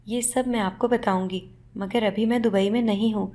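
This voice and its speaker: A woman's voice: mid-range voice, fairly even intonation, dark tone, close to an everyday voice. Woman voicing a frightened young maid. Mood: tearful.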